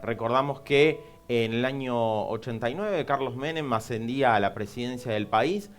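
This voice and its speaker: A man hosting a news program, speaking in a measured, reflective way and sometimes restarting a phrase. His voice sits at an ordinary middle pitch, with soft music faintly under him. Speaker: program host.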